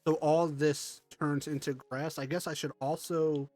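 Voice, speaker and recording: Soft music plays behind a man whose voice is on the high side, level, and somewhat dark, with no room sound. Unhurried and congested from allergies, he streams a block-building game and rambles about what he's building.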